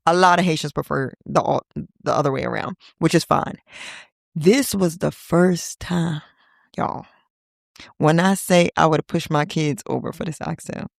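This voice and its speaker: A woman in her thirties hosting a casual solo podcast, talking in a playful, chatty way with teasing asides and sudden high-pitched exclamations. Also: unhurried, vocal fry, dry recording, clean studio sound. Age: 30s. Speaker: podcast host.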